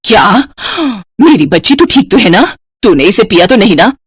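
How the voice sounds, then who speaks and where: Woman playing a harsh scolding mother-in-law, middle-aged, lively pitch, dry close sound. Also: normal speed, slightly rough, no room sound. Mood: doting.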